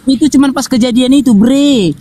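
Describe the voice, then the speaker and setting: A man in a heated online debate, protesting and urging his opponent to calm down. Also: very high voice, fairly quick. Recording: loud crowd noise behind.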